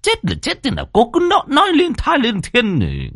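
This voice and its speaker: A man playing a gruff, deaf old village man. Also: extremely high pitch, wildly swooping pitch, fairly quick, fairly bright tone, no echo, studio quality, pitched above the performer's own voice, exaggerated voice. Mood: grumbling disbelief. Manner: gruff, disbelieving, mishears. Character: old village man, hard of hearing, grumbling.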